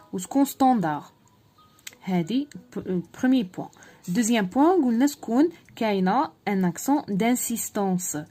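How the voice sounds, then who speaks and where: A woman teaching a phonetics lesson. She explains in dialect and says her French examples slowly and carefully. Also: mid-range voice, dark tone.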